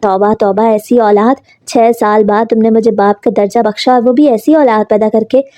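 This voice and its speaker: A man's voice: high voice, steady tone, normal speed, warm tone, no echo, close to an everyday voice. A woman reading the lines of a young husband in a spoken story, loving at first and later harsh and scolding. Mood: enraged. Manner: overjoyed then harsh and scolding.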